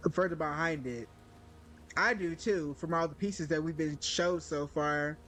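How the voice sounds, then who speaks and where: A man giving casual commentary on a story game, reacting loudly and with slang. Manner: loud slangy reactions, jumps up in pitch when outraged. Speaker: gaming video creator. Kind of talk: casual let's-play commentary.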